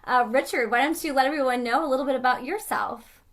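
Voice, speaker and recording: Woman host, somewhat high voice, chatty, conversational, um fillers. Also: quick pace, fairly bright tone. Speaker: interviewer, orchestra director. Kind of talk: conversational interview hosting.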